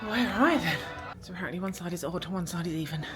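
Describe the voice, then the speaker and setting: A woman's voice: on the low side, expressive, fast. A British woman vlogging aboard a cruise ship in a casual, rambling way with lots of fillers. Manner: chatty, rambling, many fillers. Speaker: travel vlogger. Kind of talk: casual vlog chat. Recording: clear music behind the voice. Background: music playing.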